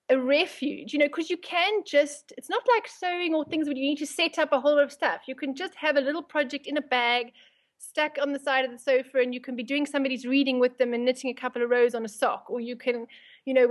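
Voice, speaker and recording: A woman with a South African accent, chatting casually as an interview guest. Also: sits high.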